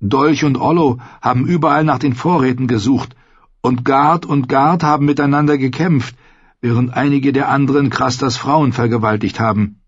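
A man voicing a guilt-ridden young male recruit who talks in a rushed, pressing way. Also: medium pitch, husky, dry recording, lo-fi sound, pitched above the performer's own voice, natural voice. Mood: distraught.

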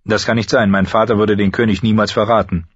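A man's voice: on the low side, flat delivery, fast, breathy edge, no room sound, lo-fi sound. A man voicing an earnest young son. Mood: urgent. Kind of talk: audiobook reading.

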